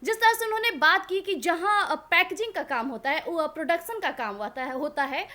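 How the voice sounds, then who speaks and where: Very high, bright woman news anchor. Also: lively intonation, brisk. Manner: explanatory, with filler hesitations. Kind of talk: studio panel discussion.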